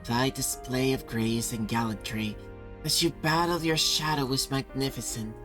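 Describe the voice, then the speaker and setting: A woman's voice: extremely low pitch, fairly even intonation, normal speed. A woman voicing an ancient regal spirit in a video game, speaking in a dreamy, distant voice that echoes in the mind, with solemn, archaic, ceremonial phrasing. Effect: dreamy distant voice echoing in the mind. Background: game music.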